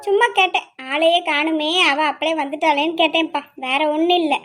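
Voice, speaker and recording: A woman doing a calm, motherly aunt. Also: high voice, fairly quick, faint music behind. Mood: reassuring. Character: middle-aged aunt Lakshmi, calm and motherly.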